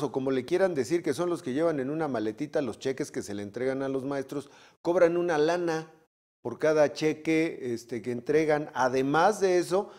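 A man's voice: on the high side, a little mellow. A man with a Mexican accent giving opinionated, sarcastic news commentary in a scornful tone.

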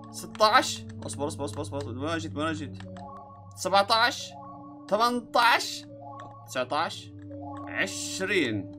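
A man's voice: fairly high pitch, sharp tone. A young man doing playful, dramatic let's play commentary and joking about being scared. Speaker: gaming YouTuber.

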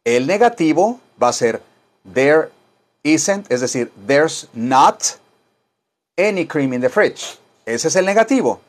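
Man, teacher voice, slightly high, very slow, drills phrases. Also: very animated. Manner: slow, drilling repetition, models English phrases. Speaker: English teacher. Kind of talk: online English lesson.

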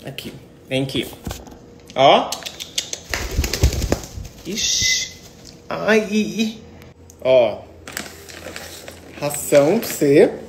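A young Brazilian man, chatting on casual phone stories and coaxing a pet in a sweet, expressive voice, indoors at home. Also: on the high side, very slow, long pauses, noisy background. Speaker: influencer. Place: indoors at home, apartment rooms. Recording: echoey room.

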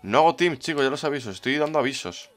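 Brief: man, Spain Spanish accent, playful game streamer reading his chat, middle pitch, faint music underneath. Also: animated, quick pace. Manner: chatty, playful, greets viewers by name. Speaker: livestreamer. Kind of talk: casual livestream chat, reading the chat.

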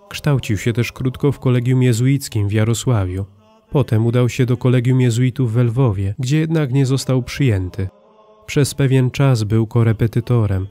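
Mellow-voiced man reading solemnly. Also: medium pitch. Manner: even, solemn reading ending in a prayer. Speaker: narrator. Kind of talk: scripted narration of a saint's life.

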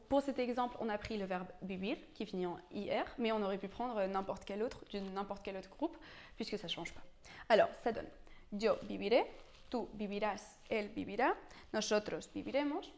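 A woman's voice: on the high side, darkish tone. A young woman explaining verb conjugations in a casual, patient way, with frequent hesitations and restarts. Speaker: language teacher. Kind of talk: explaining Spanish grammar in French.

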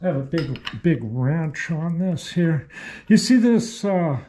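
A man's voice: a little high, expressive, slow pace, mellow, slight background noise. An older man giving a casual, folksy demonstration in his small home machine shop, rambling with fillers and restarts as he works.

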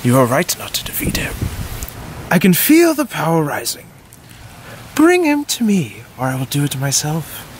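Menacing old emperor villain, a man acting it, sinister and commanding, very lively pitch. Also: normal speed, slight background noise. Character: menacing old male dark-side emperor.

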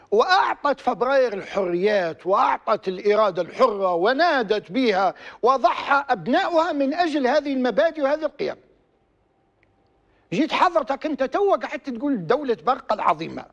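High, lively Libyan man scolding. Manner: heated, rhetorical, scolding questions. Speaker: TV program host. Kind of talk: political commentary to camera.

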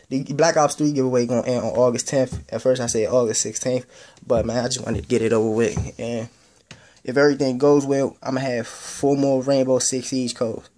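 A man's voice: mid-range voice, darkish tone. A young man hosting his own gaming channel, giving a rambling casual update in loose slangy speech that repeats itself. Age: young adult.

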